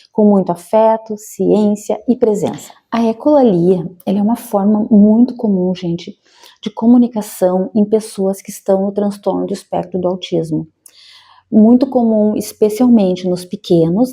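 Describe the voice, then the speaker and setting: Woman, educational psychologist, very mellow dark tone, conversational, talks to parents. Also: medium pitch, slightly rough. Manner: conversational, frequent tag questions. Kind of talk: explanatory talk to parents.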